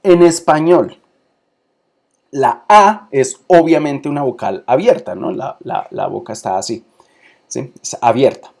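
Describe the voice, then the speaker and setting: A man's voice: mid-range voice, a little slow, vocal fry, a little mellow. A man teaching a lesson on screen, talking informally and often checking that his listeners follow. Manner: many fillers and restarts, checks in with listeners. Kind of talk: explaining lesson to camera.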